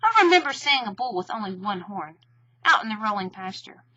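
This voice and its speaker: A woman's voice: mid-range voice, big pitch swings, fairly quick, pushed and bright, no echo, lo-fi sound. A woman voicing a small, timid male piglet, nervous and fretful, in a storybook reading. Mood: worried.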